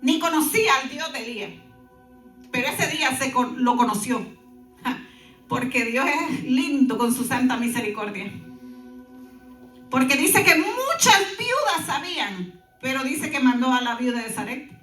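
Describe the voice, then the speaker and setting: A woman pastor giving an animated sermon, breaking in with lively asides to the congregation. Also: high-pitched, moderate pace, long pauses, reverberant, far from the mic, soft background music.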